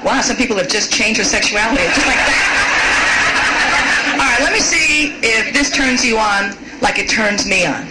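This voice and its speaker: A woman's voice: fairly high pitch, lively intonation, measured pace. Stand-up comedian woman in an echoey club. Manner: playful, teasing the audience, acts out voices. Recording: echoey live club recording with loud crowd noise.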